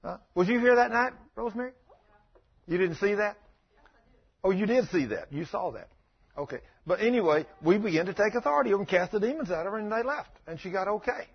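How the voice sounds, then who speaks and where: A man's voice: sits high, animated, fairly quick, breathy edge, lo-fi sound. A man preaching a folksy sermon, telling stories and bantering with his congregation.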